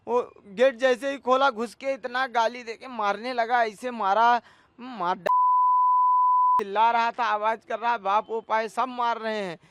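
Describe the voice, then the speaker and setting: A man's voice: extremely high pitch, fairly even intonation, unhurried, heavy background noise. A man in his thirties, a cook, pleading his case in a news interview and calling the interviewer sir again and again. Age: 30s. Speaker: cook alleging assault.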